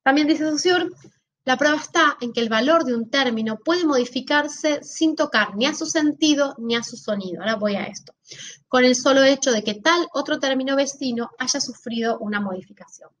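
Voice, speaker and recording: A woman's voice: high voice, moderate pace, a bit bright, slight background noise. A woman giving a recorded lecture, explaining step by step and often checking in with her listeners. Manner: explanatory, checks in with frequent rhetorical questions. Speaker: teacher.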